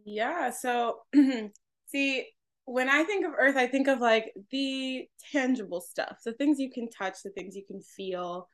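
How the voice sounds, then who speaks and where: A woman's voice: sits high, slow pace, a bit bright. A young adult woman co-hosting a podcast, sharing thoughts in a casual, hesitant way as she searches for words. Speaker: podcast co-host. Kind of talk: casual reflective chat.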